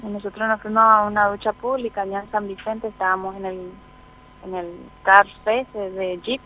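A mother calling in to a radio interview, speaking quietly and haltingly, repeating herself as she recounts events. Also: medium pitch, little pitch movement. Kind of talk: emotional phone-in testimony. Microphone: telephone. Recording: tinny phone line, faint noise.

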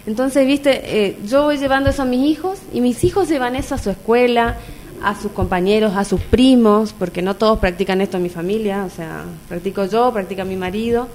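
A woman's voice: fairly high pitch, a little fast, a little mellow, a little hiss or hum. A woman with an Argentine accent, a mother sharing her personal experience in an open, earnest conversational way. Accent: Argentine Spanish.

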